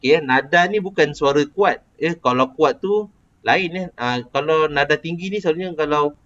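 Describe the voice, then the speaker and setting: A man's voice: on the high side, moderate pace, a bit bright. A man with a Malaysian Malay accent teaching a casual lesson, explaining patiently and quizzing a student. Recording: dull lo-fi recording.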